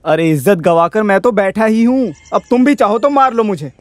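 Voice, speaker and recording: A man's voice: high-pitched, normal speed, no room sound, natural voice. A man dubbing a stubborn old landowner in a film, talking in a defiant way and repeating himself. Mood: bitter. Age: older. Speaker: dub actor. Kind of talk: film dub acting.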